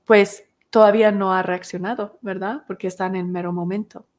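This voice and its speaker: A woman's voice: mid-range voice, fairly even intonation, a little fast. A woman, teaching a recovery class podcast and explaining each step with rhetorical questions.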